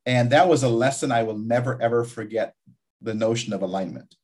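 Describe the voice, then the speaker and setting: A man's voice: medium pitch, fairly quick, a little mellow. A man from Guyana, a community college vice president, talking reflectively in an interview with frequent restarts. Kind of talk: interview conversation.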